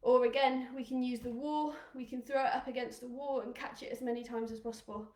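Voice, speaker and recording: A woman's voice: a little high, fairly even intonation, a little fast, darkish tone. Upbeat woman coaching kids, echoey room. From England. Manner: upbeat, encouraging, counts down aloud. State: out of breath at times. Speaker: children's rugby coach. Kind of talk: live online kids' exercise session.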